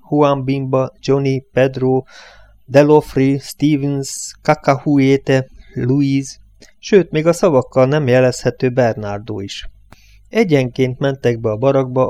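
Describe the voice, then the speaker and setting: A man reading a novel aloud as an audiobook narrator, with steady, measured storytelling. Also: medium pitch, no echo. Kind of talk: scripted literary narration.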